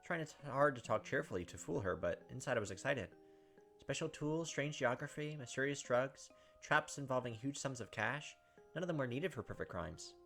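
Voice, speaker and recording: A gaming host playing a visual novel reads its text aloud and tacks on short comments. He speaks at a moderate pace in an expressive, medium-pitched, slightly bright voice with vocal fry, while the game's music plays in the background.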